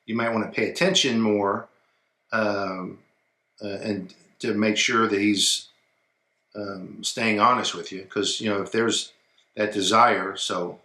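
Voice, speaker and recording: A man co-hosting a casual advice chat, talking in a relaxed way that trails off quietly, and reading a viewer's email aloud. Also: fairly low pitch, slow pace, reverberant. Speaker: co-host of an advice show.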